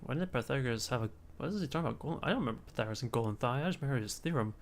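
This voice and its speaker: A chatty streamer in casual gameplay commentary, reading on-screen text aloud and musing through puzzled questions. The voice sits at a middle pitch. Faint keyboard typing ticks along behind. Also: expressive, rapid-fire, slight background noise. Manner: chatty, reads text aloud, confused asides.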